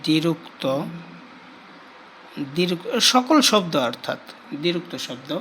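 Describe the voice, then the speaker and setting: A male teacher giving a grammar lesson, repeating key terms slowly and asking questions he answers himself. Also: fairly high pitch, sing-song, bright, forceful tone, a little hiss or hum, poor audio.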